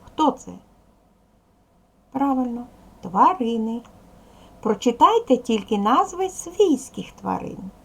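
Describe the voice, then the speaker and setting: A woman's voice: fairly high pitch, big pitch swings, gravelly, breathy edge. A woman teaching a recorded reading lesson to young schoolchildren, patient and encouraging. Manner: patient, encouraging, speaks slowly to children. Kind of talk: recorded video lesson for second graders.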